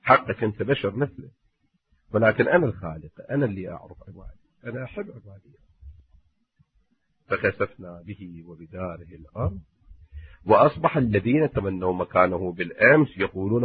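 A man preaching a sermon, telling a story with passion, swinging between loud warnings and hushed asides. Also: mid-range voice. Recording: muffled, narrow phone-like sound, husky and dry.

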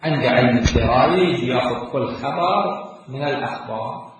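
A man's voice: mid-range voice, fairly quick, distant mic, noisy background. A man with an Iraqi Arabic accent teaching a religious law lesson, explaining in a lilting, half-chanted way and drawing out words. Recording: very echoey room, voice from off the mic.

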